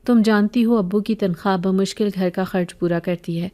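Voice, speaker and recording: A woman voicing a gentle middle-aged mother who calmly reassures her frightened daughter in a spoken horror story. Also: medium pitch, close to an everyday voice. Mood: soothing. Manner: calm, reassuring, pious.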